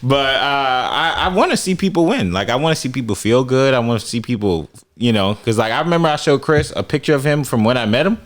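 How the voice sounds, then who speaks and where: A man's voice: mid-range voice, quick pace, hardly any pauses. A man co-hosting a podcast, chatting casually and telling stories with frequent laughter. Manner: animated storyteller, laughs often. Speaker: podcast co-host. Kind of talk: casual chat.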